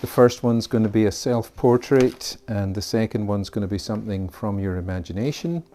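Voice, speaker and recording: An art teacher from Scotland gives his beginners class a friendly, rambling introduction full of fillers and asides. He speaks with a Scottish accent in a fairly low, dark voice at normal speed, with slight background noise.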